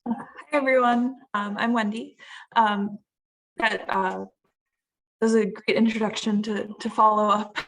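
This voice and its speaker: A woman's voice: mid-range voice, fairly even intonation, unhurried, fairly bright tone, rough recording. A woman from Minnesota giving a casual, hesitant talk on a video call, with many fillers and restarts, her audio choppy and cutting out. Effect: choppy audio that keeps cutting out. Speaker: panel speaker.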